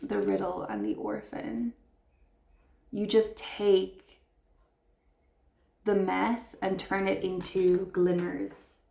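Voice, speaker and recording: A woman's voice: mid-range voice, takes it slowly, gravelly, pauses often, dark tone, reverberant. A woman giving an intuitive tarot reading to her viewers, speaking in an earnest, affirming way and heaping praise on them. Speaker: tarot reader.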